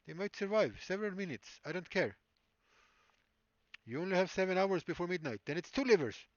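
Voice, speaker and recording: A man's voice: sits high, expressive, a little fast, no echo, dull audio, voice pushed up. A man voicing a greedy back-alley surgeon who demands livers as payment, in a put-on stereotyped Eastern European accent with clipped, broken orders. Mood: callous. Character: greedy male back-alley surgeon selling cyber limbs, threatening.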